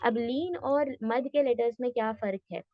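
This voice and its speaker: High-voiced woman teaching tajweed. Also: no echo, muffled recording. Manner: patient, explains step by step, models sounds slowly. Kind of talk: online class lecture.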